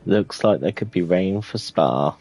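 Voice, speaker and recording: Very deep-voiced man commentating a game. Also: measured pace, faint music behind. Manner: relaxed, rambling, many fillers. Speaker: gamer commentating his own racing management game. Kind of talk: casual let's-play commentary.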